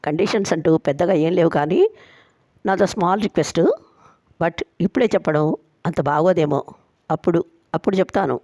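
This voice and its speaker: A woman's voice: fairly low pitch, normal speed, pauses often, a little mellow, no echo, natural voice. A woman storyteller voicing a boastful, playful young man who agrees to every condition.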